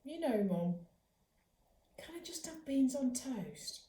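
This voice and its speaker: A woman's voice: sits high, big pitch swings, slow, mellow, recorded from a distance, exaggerated voice. A woman voicing a tiny male poodle who thinks he is a lion, boyish and earnest. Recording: roomy echo.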